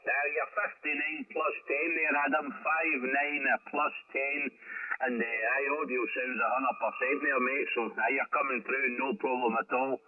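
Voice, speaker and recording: A man's voice: mid-range voice, steady tone, moderate pace. A Scottish man running an amateur radio net with casual, matey banter over a radio transmission. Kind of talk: casual ham radio chat. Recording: tinny narrowband radio with background chatter.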